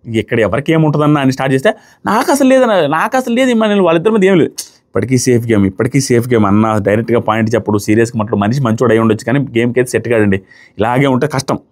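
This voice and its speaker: A man giving a casual commentary recap of a reality show, quickly acting out what the contestants said. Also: medium pitch. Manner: rapid animated recap, acting out contestants' words. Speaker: show reviewer.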